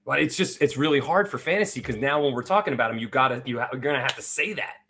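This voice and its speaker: A man's voice: medium pitch, animated, quick pace, pushed and bright, slightly rough. A man co-hosting a live fantasy football draft, chatty and rambling with plenty of filler words. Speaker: fantasy football podcast co-host. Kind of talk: casual live draft chat.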